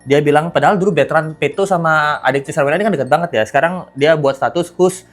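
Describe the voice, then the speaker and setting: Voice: mid-range voice, fast talker. A gossip commentary host who chats casually with viewers, teasing and laughing often while reacting to celebrity news. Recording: light background music.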